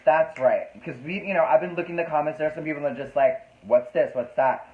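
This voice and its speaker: A man's voice: a little high, quick pace, reverberant, narrow, tinny audio. A man hosting a casual live-stream chat, flamboyant and talkative, reading out viewer comments. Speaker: host. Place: New York City.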